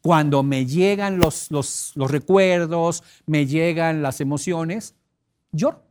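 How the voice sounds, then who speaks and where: A middle-aged man giving an expressive teleseminar talk, emphatic and repetitive, breaking into sudden loud cries to illustrate a point. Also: on the high side, takes it slowly. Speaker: personal development teleseminar speaker.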